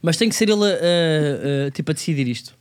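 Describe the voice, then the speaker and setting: A man's voice: a little high, expressive, a little fast, clear, resonant tone. A young man with a European Portuguese accent, chatty and argumentative in a casual chat with friends.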